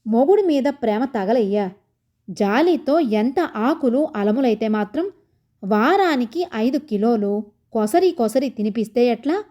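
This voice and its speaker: A woman's voice: on the high side, expressive, unhurried, mellow. A woman voicing a bossy scolding friend. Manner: bossy, lecturing. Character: blunt scolding female friend.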